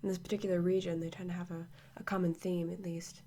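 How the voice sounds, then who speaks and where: A woman playing a calm, absorbed archaeologist in a hushed, monotone ASMR role-play, speaking in a measured way close to the microphone. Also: on the low side, lightly acted. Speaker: ASMR performer. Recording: clearly noisy close-mic recording.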